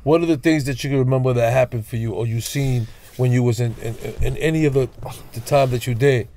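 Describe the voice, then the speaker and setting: A man's voice: mid-range voice, fast talker, warm tone. A man hosting an interview, asking loose rambling questions and giving short replies. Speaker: podcast host.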